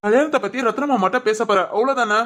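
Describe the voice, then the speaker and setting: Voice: medium pitch, fast, fairly bright tone, close to an everyday voice. A performer voicing a caring young man in a cartoon, a protective older brother who reassures and advises his sister. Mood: reassuring. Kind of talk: cartoon voice acting.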